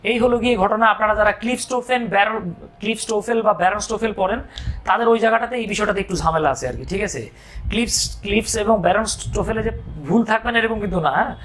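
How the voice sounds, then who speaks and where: A man's voice: high-pitched, quick pace, a bit bright. A man from Bangladesh teaching an English grammar lesson, explaining step by step and breaking in with joking asides and questions to his students.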